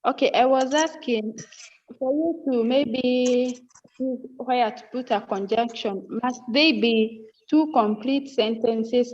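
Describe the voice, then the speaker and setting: A woman's voice: on the high side, a little mellow. Hesitant woman student on a call. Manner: hesitant, searching for words. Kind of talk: asking a question in an online class. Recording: distant dull video call audio.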